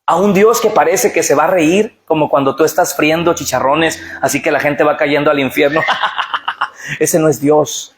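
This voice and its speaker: A man's voice: fairly high pitch, steady tone, normal speed, slight background noise. A middle-aged man preaching a sermon, urging the congregation to repeat phrases aloud. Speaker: pastor. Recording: echoey church hall with music.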